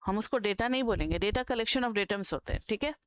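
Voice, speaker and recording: A woman's voice: medium pitch, fairly quick, clean tone, no room sound. A woman with an Indian accent teaching an online economics class, explaining step by step, asking students questions and dictating notes word by word. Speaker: economics tutor. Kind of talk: online lecture.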